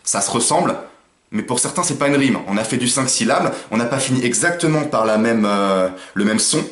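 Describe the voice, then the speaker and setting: A man, casually explaining rap rhyme techniques and slowly reciting his own example lines. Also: mid-range voice, animated. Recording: roomy echo.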